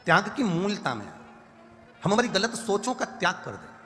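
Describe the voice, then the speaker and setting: Man, devotional preacher, emphatic list-driven delivery, slightly high voice, echoing hall. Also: very animated, moderate pace, bright, forceful tone, soft background music. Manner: emphatic, repetitive lists, breaks into chanting. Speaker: kathavachak preacher. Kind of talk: devotional sermon with sung verses. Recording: long hall reverb.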